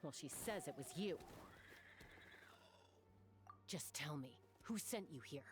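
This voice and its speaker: A woman's voice: low voice, animated, takes it slowly, over music. A woman playing a tough, decisive young warrior in a video game, firm and terse. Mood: stern, questioning.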